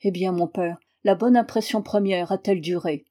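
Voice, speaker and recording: A woman's voice: mid-range voice, moderate pace, warm tone, close to an everyday voice. Woman reading an earnest awkward young man.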